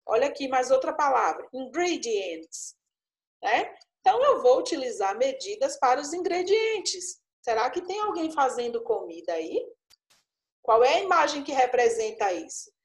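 A woman's voice: high-pitched, echoey room. A woman teaching an English lesson, explaining patiently and checking in with frequent little questions. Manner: coaxing, frequent tag questions. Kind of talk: online class explanation.

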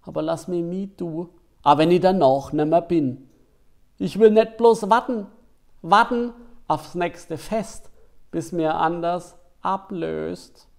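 A man's voice: high-pitched, slow pace, vocal fry, a little mellow, voice pushed up, exaggerated voice. A man with a Franconian accent voicing a lonely, melancholy little plum-figure toy who pleads wistfully to be played with.

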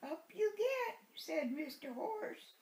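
An eighty-something great-grandmother reads to a small baby from a picture book, her very high voice slow, very animated, and somewhat dark in tone. She repeats words playfully and slips in asides while on the living room sofa indoors. It's a roomy home recording with background noise, shot on a handheld camera a short way away.

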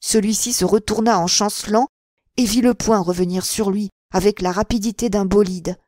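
A woman narrating a classic novel as an audiobook in a clear, measured and expressive way on a close mic. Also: medium pitch, no echo.

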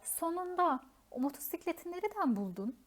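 Dumbledore, a calm old wizard voiced by a woman. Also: very high-pitched, fairly quick, voice pushed up. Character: calm wise old male headmaster wizard.

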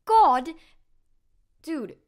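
A woman's voice: high voice, sing-song, extremely slow. A young woman, an amateur voice actor, mocking her own flubbed lines in casual outtakes. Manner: self-mocking, laughing at her own slips.

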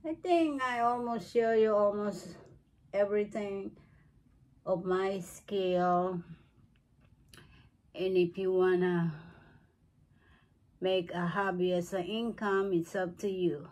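A woman in her seventies giving an unscripted beauty tutorial at home, speaking slowly and often searching for words. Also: medium pitch, steady tone, darkish tone. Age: 70s. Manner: slow, searching for words, non-native phrasing. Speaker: craft and beauty vlogger. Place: cluttered living room at home.

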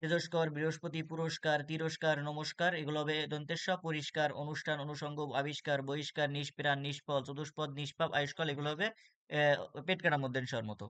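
A man's voice: a little high, little pitch movement, fast talker, a bit bright, clean tone, no room sound. A man with a Bangladeshi Bengali accent teaching a spelling lesson for exam students, explaining step by step and repeating words with frequent "ah" fillers.

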